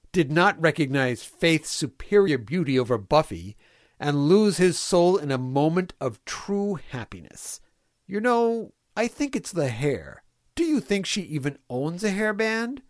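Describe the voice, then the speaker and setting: Man acting out a folksy villain mayor, fatherly and prim, swooping pitch, unhurried clipped diary dictation, dry close sound. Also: no echo. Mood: chipper, doting. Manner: clipped diary phrasing with prim, wholesome indignation. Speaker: reader of a fan fiction comedy podcast. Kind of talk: scripted comic diary reading.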